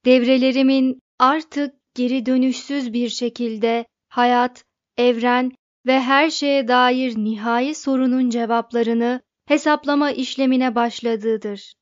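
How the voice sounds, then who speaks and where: A woman reading an audiobook aloud, voicing a vast, grandly self-important male supercomputer with a loud, booming delivery. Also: steady tone, moderate pace, dry recording, highs cut off, natural voice.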